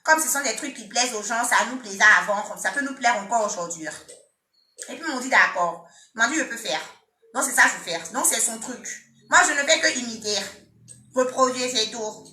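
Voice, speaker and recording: A woman with an Ivorian French accent talks on a live stream, teasing her commenters and scolding them in jest. Her voice is very bright and sharp and sits a little high. The sound comes from an echoey room. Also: moderate pace. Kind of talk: casual live-stream chat.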